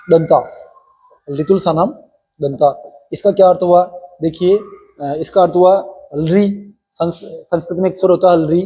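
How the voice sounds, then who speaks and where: A man's voice: fairly high pitch, breathy edge, highs cut off. A male teacher explaining a Sanskrit grammar lesson for exam preparation, going step by step and quizzing his students with repeated questions.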